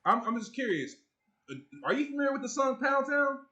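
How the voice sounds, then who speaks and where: A man's voice: extremely high pitch, expressive, a little fast, pushed and bright, lo-fi sound, a little hiss or hum. A man hosting a panel talk who teases his guests in a playful way. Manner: teasing, playful. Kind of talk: casual panel chat.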